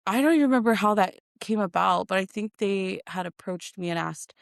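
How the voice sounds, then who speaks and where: A woman in her thirties from Hawaii and American Samoa, appearing as an interview guest, shares personal stories in a casual, expressive way. She's a content creator and performer with a mid-range, fairly quick voice touched by vocal fry. The recording is dry and studio-clean.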